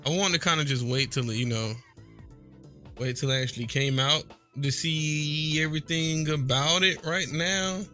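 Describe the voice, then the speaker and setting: A man co-hosting a casual gaming chat, relaxed and slangy. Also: a little high, moderate pace, faint music behind. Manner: relaxed, slangy, says bro a lot.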